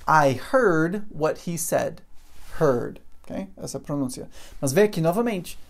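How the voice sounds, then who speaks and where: Unhurried teacher, man. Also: a little high, animated, gravelly. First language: English. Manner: patient, repeats sounds slowly with drawn-out examples. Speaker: English teacher. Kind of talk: pronunciation lesson.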